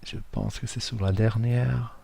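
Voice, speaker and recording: A man speaking French as a non-native with a foreign accent, giving an informal screen-share tutorial, halting and searching for words. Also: medium pitch, fairly even intonation, gravelly, dark tone, breathy edge, no room sound. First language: not French. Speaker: tutorial presenter.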